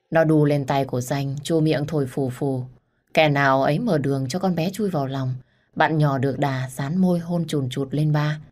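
Female storyteller, deep voice, steady dramatic first-person narration.

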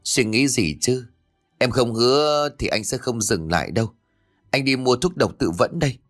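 A man's voice: medium pitch, lively intonation, normal speed, faint music behind, natural voice. A man voicing a smug scheming young man who urges his lover on hastily. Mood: pressing.

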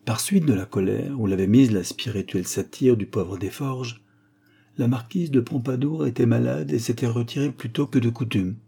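A man narrating a classic story as an audiobook reader, measured and expressive. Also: medium pitch, gravelly, slightly rough. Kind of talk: scripted narration.

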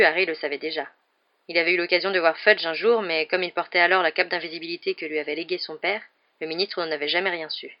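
A woman with a lowish voice narrating a storybook, calm and even. The recording is dull and lo-fi. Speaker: audiobook narrator. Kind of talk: scripted narration.

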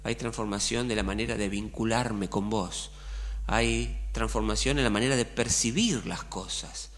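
A man's voice: on the low side, moderate pace, a bit bright. A middle-aged man with an Argentine accent preaching a sermon as pastor, colloquial and full of rhetorical questions. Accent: Argentine Spanish.

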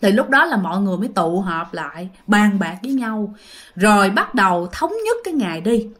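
A woman's voice: medium pitch, animated, a little fast. A young woman telling a ghost story in a casual, chatty way, often speaking straight to her listeners. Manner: chatty, addresses listeners directly.

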